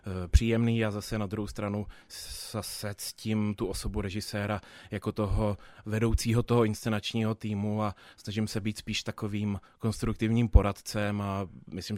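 A man's voice: lowish voice, little pitch movement, hardly any pauses, a little mellow, no echo, clean studio sound. A young man, a theatre dramaturg answering interview questions thoughtfully, with many fillers and restarts. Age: 20s.

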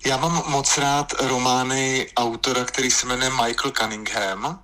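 A man calling in to a radio show from a train toilet, chatty and a little hurried. His voice has a bright, forward edge. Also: medium pitch, steady tone, a little hiss or hum. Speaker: phone guest, actor. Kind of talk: casual phone chat.

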